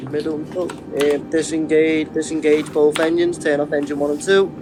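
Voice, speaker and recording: Halting man with a slightly high voice. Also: little pitch movement, noisy background. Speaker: guest co-pilot guiding the streamer. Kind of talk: casual step-by-step instruction.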